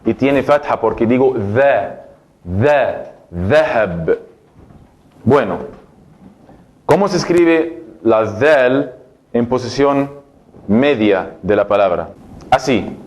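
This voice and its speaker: A man from Egypt whose first language is Arabic, teaching an Arabic lesson and patiently repeating each word slowly for practice. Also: medium pitch, lively intonation, a little mellow.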